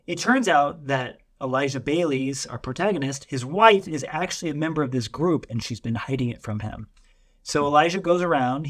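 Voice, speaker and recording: A man co-hosting a book podcast, summarizing a story in a chatty, rambling way with filler words. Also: fairly high pitch. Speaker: podcast co-host. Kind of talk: casual podcast chat.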